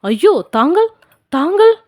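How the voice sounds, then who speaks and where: A woman's voice: high-pitched, normal speed, no echo, studio quality, close to an everyday voice. A woman voicing an anguished old male sculptor in an audiobook, pleading and crying out for his daughter. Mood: startled.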